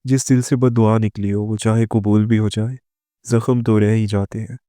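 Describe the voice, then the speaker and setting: A man voicing a quiet, patient and pious older mother-in-law in a spoken moral story, his voice low and dark. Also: little pitch movement, dry recording, clean studio sound, lightly acted. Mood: calm.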